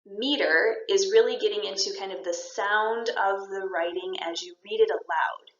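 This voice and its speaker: A woman's voice: medium pitch, normal speed. A woman teacher giving a poetry lesson, explaining step by step and encouraging her students. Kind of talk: recorded classroom lesson. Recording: roomy, dull lo-fi sound.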